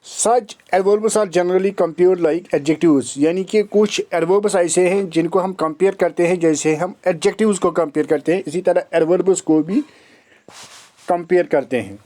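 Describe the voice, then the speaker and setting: A man teaching English grammar in a recorded lecture. He reads the rules slowly, almost like dictation, then explains them quickly with examples. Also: high-pitched, dark tone.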